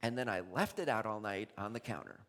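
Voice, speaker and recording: Animated man preaching in a hall. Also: fairly low pitch, brisk. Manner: conversational, animated, laughs often. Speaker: pastor. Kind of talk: sermon. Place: church sanctuary. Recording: long reverb in a large hall.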